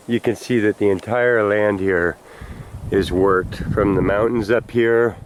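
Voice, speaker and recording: Low-ish guy rambling slow on a camera mic outside, bit out of breath, faint outdoor hiss. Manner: rambling, thinking aloud while climbing. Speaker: explorer vlogger. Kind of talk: handheld exploring commentary. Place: outdoors on a rural hillside. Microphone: handheld camera mic.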